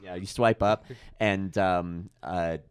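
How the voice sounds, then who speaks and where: A man's voice: low-pitched, steady tone, slow pace, clean tone. A man co-hosting a chatty studio podcast, laughing often and rambling with fillers. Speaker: podcast co-host. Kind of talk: casual chat. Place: radio studio.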